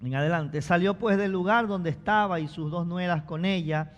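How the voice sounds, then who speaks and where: A man preaching a sermon as pastor, building to loud shouted calls and prompting the congregation to repeat after him. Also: high-pitched, moderate pace, long reverb tail, highs cut off. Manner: preaching with rising shouts and call-and-response prompts. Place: church sanctuary.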